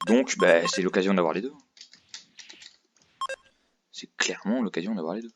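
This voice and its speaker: A man's voice: deep voice, normal speed, music in the background. A man hosting a casual gaming let's play, thinking aloud in a rambling, hesitant way, recorded on a headset microphone. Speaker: gaming video host. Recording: noisy headset mic with clicks. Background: clear noise and clicking.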